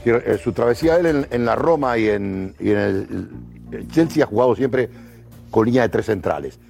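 Gravelly football pundit. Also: male voice, fairly low pitch, animated, normal speed, darkish tone. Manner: opinionated, hesitant with fillers. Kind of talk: studio sports debate.

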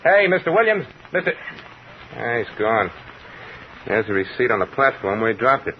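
An actor playing a brisk, informal night warehouse clerk in an old radio drama. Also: male voice, mid-range voice, big pitch swings. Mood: businesslike. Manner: informal, clipped, businesslike. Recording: muffled old radio recording, faint hiss.

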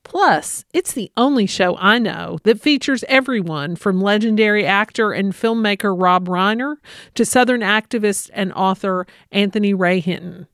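A woman's voice: medium pitch, normal speed, fairly bright tone, dry recording, studio quality. A woman podcast host reading a promo in an upbeat, friendly way.

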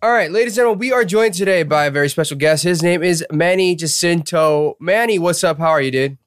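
A young man co-hosting a podcast, chatting in an upbeat, playful, quick way. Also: fairly high pitch, clear, resonant tone, no echo. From Atlanta, USA. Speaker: podcast co-host. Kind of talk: casual podcast chat.

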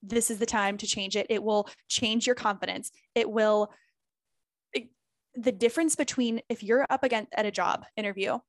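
A woman's voice: medium pitch, fairly even intonation, normal speed, no room sound, studio quality. A woman speaking candidly and emphatically as a guest in a casual interview, swearing freely as she makes her points. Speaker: former group fitness instructor.

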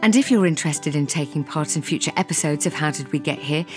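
A woman's voice: low-pitched, fast talker, faint music behind. A woman hosting a podcast in casual, playful, teasing chat. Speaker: podcast host.

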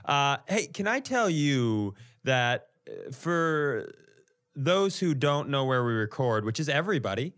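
With big swings in pitch, this co-host speaks a little slowly in a somewhat bright, mid-range voice. He recounts comedic stories on the podcast casually, bluntly, exasperated, and with plenty of cursing.

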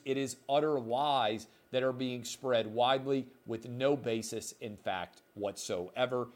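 A middle-aged man hosting a solo opinion podcast, talking emphatically and indignantly, with sarcastic asides. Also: mid-range voice. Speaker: podcast host.

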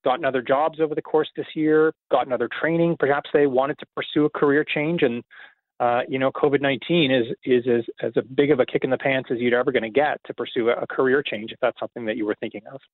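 A man's voice: medium pitch, steady tone, no room sound. Man explaining over a tinny phone line. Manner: measured, explanatory, many filler pauses. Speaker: economist guest. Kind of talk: radio interview answers. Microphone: phone call.

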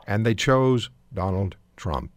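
A man's voice: fairly low pitch, animated, slow, no room sound, studio quality. A man hosting a call-in radio talk show, holding firm and repeating his point over the caller. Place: radio studio.

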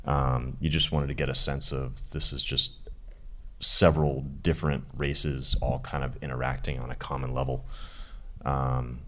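A man on a panel answering audience questions about his sound mixing work, in a relaxed, technical way with frequent ums. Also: very deep voice, moderate pace. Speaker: re-recording mixer on a panel.

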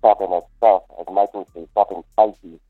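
A man's voice: fairly low pitch, fairly even intonation, brisk, dry recording, soft background music. A man calling in to a show, talking in a laid-back slangy way with fillers, his voice muffled as if heard through a wall over a poor phone line. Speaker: caller. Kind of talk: casual call-in chat about boxing picks.

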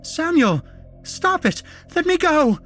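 Man doing a terrified young woman in a shrill falsetto. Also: steady tone, drawn-out words, darkish tone, breathy edge, faint music behind, exaggerated voice. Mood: frantic. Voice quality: high strained falsetto, screaming.

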